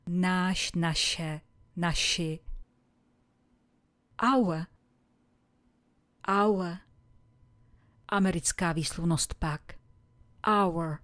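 Calm woman teaching English phrases. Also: lowish voice, no echo. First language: Czech. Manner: slow, carefully spoken example phrases for repeating. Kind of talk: recorded language lesson.

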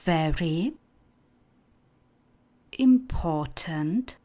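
Low-voiced woman teaching English slowly. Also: lively intonation, dark tone. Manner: slow, deliberate enunciation of words to repeat. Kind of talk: language lesson with repetition drills.

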